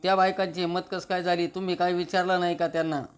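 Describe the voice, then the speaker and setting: A man's voice: sits high, little pitch movement, quick pace, clear, resonant tone, natural voice. A man reading as an indignant protective son. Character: angry, protective grown son.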